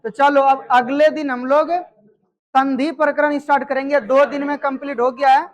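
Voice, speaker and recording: High-voiced woman teaching grammar. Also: steady tone, normal speed. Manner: quizzes students, repeats answers, checks understanding. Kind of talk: live classroom lesson.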